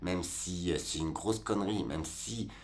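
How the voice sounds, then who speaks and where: A man's voice: low voice, a little slow, slight background noise. A man in his forties giving a rambling, colloquial monologue, talking straight to the viewer about life. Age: 40s. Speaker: vlogger. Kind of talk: casual reflective monologue.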